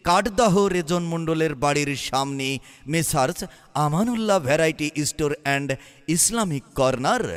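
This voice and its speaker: A man from Bangladesh calls out a shop advertisement over a PA loudspeaker, stretching his words into a sing-song list of goods. His voice sits a little high and comes through smooth and resonant. A long reverb trails after every phrase. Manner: drawn-out, sing-song announcer listing of goods. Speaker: shop announcer.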